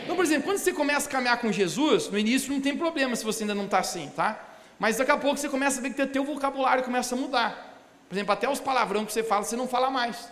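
A male pastor, preaching a lively sermon and joking with the congregation in a church hall. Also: extremely high pitch, racing. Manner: animated, joking storytelling with the congregation. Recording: echoey hall, live church sound.

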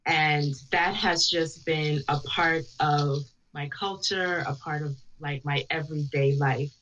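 A chatty young woman from Jamaica with a very low voice, speaking as a podcast guest. Her talk is loose and full of fillers. The sound is a bit dull, with faint hiss underneath. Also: steady tone, takes it slowly, fairly bright tone. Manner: chatty, uses fillers like "like" and "you know". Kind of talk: casual podcast chat.

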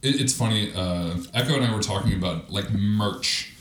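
A man with a fairly low voice co-hosts a laid-back podcast chat. He rambles and restarts his sentences, laughing easily. The sound is roomy and echoey. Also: moderate pace, a bit bright, a little hiss or hum. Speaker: podcast co-host. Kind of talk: casual chat.

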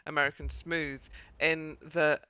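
Bright-voiced Northern English woman host. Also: deep voice, little pitch movement, measured pace, smooth, no echo. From Northern England. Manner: chatty, rambling, full of fillers and restarts. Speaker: podcast host. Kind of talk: casual chat.

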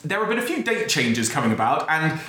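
Male podcast host, animated and slightly high-pitched, casual delivery, heavily echoing empty room. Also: a little fast. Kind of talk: casual scripted podcast hosting. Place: bare office room with desk and chairs. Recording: very echoey bare room.

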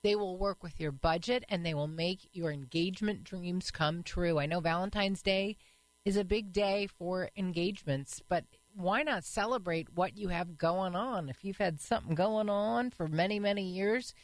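A woman's voice: on the low side, no echo, rough recording. A woman co-hosting a radio show, chatting with callers in an upbeat way and reading ads. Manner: upbeat, quick to cheer callers. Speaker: radio co-host. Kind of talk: casual radio chat and live read.

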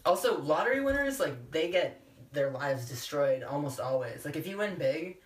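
A woman's voice: low-pitched, expressive, normal speed, recorded from a distance. A woman in her twenties chatting casually as a podcast guest, talkative, blunt and self-deprecating, recorded in an echoing bathroom. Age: 20s. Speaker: interview guest. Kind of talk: casual, joking podcast chat.

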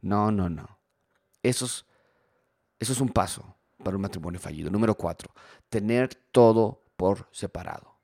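A preacher delivering a sermon with a low-pitched voice. He stays animated, slipping into the voices of complaining husbands and wives. The sound is dry and close, with no room echo. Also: normal speed. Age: married adult. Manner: animated, acts out quoted spouses. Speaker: pastor.

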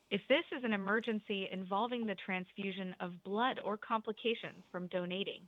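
A woman's recorded phone menu voice heard over a landline phone, reading prompts in an even, measured announcer manner. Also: mid-range voice, no room sound. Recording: dull phone line audio.

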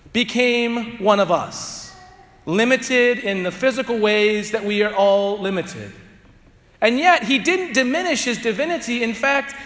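A man serving as priest, chanting and reading scripture and preaching in a measured, deliberate way in a large church with a cathedral echo. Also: sits high, bright, forceful tone. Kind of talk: liturgical reading and homily. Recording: long cathedral reverb.

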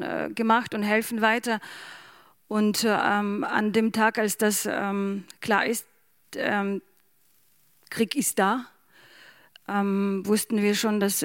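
A woman speaks German slowly and softly, hesitating often with fillers. Her voice sounds dry and close, with no room around it. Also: mid-range voice, dry recording. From Ukraine. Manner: hesitant, many fillers, soft-spoken. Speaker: interview guest. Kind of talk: slow emotional reading and halting answers.

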